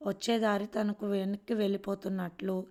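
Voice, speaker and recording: A woman reads a family serial aloud in a steady storytelling manner. Her pitch stays flat and even, sitting in a middle register. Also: moderate pace. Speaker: story reader.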